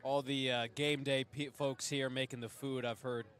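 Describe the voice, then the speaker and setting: A man's voice: medium pitch, normal speed. A man doing baseball color commentary in easygoing casual banter. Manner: relaxed, easygoing, some filler and restarts.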